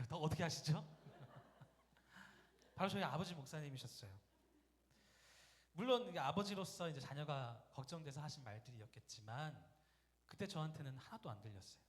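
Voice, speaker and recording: A man preaching in a church sanctuary, telling stories in a relaxed, conversational way and often putting questions to the congregation. His voice sits a little higher than most men's. A long reverb trails behind every phrase, as in a big hall. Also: normal speed, pauses often. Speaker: guest pastor. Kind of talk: storytelling sermon. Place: church sanctuary during a Sunday service.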